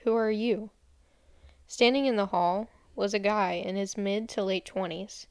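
A woman's voice: mid-range voice, moderate pace, no echo. A young woman co-hosting a podcast, chatting casually and reading creepy stories aloud with occasional giggles. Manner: giggly, reads in a plain storytelling voice.

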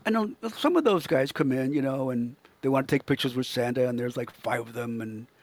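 This expressive, mid-range male voice moves fairly quickly, with no echo. It belongs to an older professional Santa performer being interviewed, who shares anecdotes in an earnest, casual, rambling way and tends to repeat himself.

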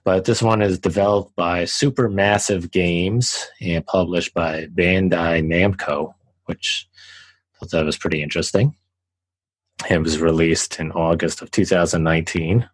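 A young podcast co-host with a deep voice chats loosely about a game he played, speaking at a measured pace. It's a relaxed, rambling game review full of fillers and restarts, captured in a dry, rough recording.

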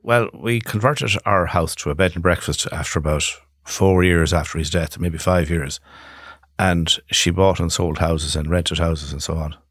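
Low-voiced older man, west of Ireland accent. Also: normal speed, a bit bright, slightly rough, no echo, clean studio sound. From Galway, west of Ireland. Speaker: interview guest, solicitor. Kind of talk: conversational interview, family reminiscence.

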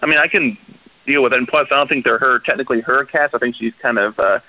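A man's voice: mid-range voice, quick pace, dry recording. Guy in his 20s calling into a radio show, tinny phone line, chatty, laughs a lot. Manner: chatty, laughs often, hedges with "you know" and "um". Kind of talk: casual call-in chat.

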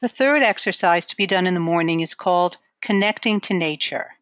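A woman giving guided imagery exercises in a calm, measured, instructional way. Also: on the low side, dry recording, clean studio sound.

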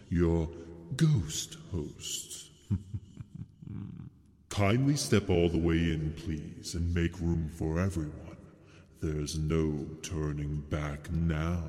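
A man playing a sardonic ghostly male tour host, narrating a theme-park ride in a slow, ominous, mocking way with sinister chuckles. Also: low-pitched. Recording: loud music bed behind voice.

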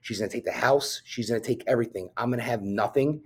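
A man's voice: medium pitch, fast, slightly rough. A police officer from New Jersey, a man, talking as a podcast guest and telling his own story candidly, bluntly, swearing often and filling with "um". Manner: blunt and profane, with frequent fillers.

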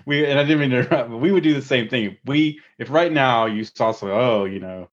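A man co-hosting a film podcast, chatty and animated, often laughing and restarting his sentences. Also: mid-range voice, fast. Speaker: podcast co-host. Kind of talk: casual film discussion. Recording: dull lo-fi audio.

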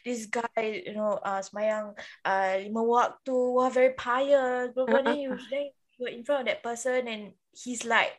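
A woman with a Singaporean accent co-hosting a podcast in casual, animated Singlish, mixing in Malay words and particles. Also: a little high, moderate pace, few pauses. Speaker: podcast co-host. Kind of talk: casual chat.

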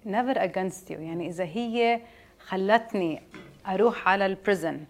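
A woman with a Jordanian Arabic accent speaks casually as an interview guest, switching between Arabic and English phrases. Her pitch sits in the middle range, and she comes across as candid and sure of herself. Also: normal speed. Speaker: interview guest, detox juice business owner. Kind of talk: casual conversational interview answers.

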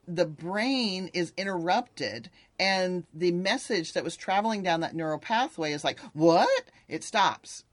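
Female mindset coach, slightly low voice, upbeat explanatory manner, dry sound. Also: dry recording. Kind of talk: casual podcast conversation.

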